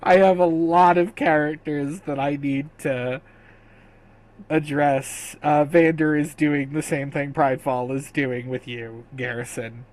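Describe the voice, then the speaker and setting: A man narrating as game master in a tabletop game, relaxed and laughing easily. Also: on the high side, a little slow.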